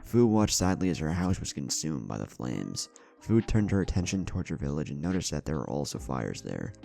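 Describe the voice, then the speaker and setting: Over background music, a man narrates a scripted fantasy battle story in an extremely low, creaky voice with a dark, mellow tone. His delivery is very animated and a little fast.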